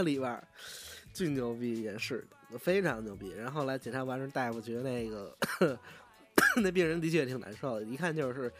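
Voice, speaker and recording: A man with a Beijing accent tells a story in a casual, rambling way, swearing freely and often restarting his sentences. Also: medium pitch. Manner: profane, rambling, frequent restarts. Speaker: vlogger.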